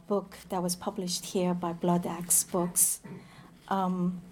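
A woman giving a poetry reading, reading slowly and in a measured way, with short introductions full of hesitant pauses. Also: medium pitch, warm tone, a little hiss or hum.

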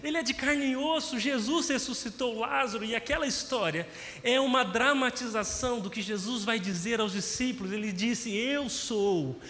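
High-voiced male preacher in a reverberant hall. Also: normal speed, sharp tone. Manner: storytelling, acting out scenes. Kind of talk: sermon.

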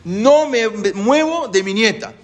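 A man's voice: very high-pitched, lively intonation, takes it slowly, voice pushed up, heavily acted. A man voicing an elderly grandfather who insists on staying with his injured granddaughter. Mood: insistent. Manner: insistent, pleading.

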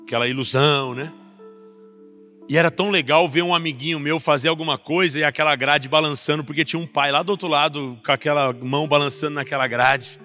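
A young Brazilian man preaching a personal testimony as a pastor, rising to intense passages and dropping back soft. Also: a little high, steady tone, a little fast. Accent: Brazilian Portuguese. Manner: builds to intense raised passages, then drops soft. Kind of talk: sermon testimony. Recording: faint music underneath.

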